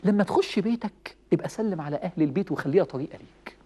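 A man with an Egyptian Arabic accent giving a lively religious talk, telling stories, chuckling and acting out quoted lines. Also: high-pitched, rapid-fire, husky. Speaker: preacher.

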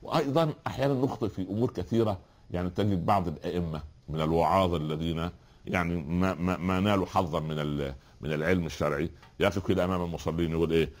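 Fast, low-voiced man teaching. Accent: Egyptian Arabic. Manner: explaining with rhetorical questions and repeated examples. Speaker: religious teacher. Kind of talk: spoken lesson on Quran recitation.

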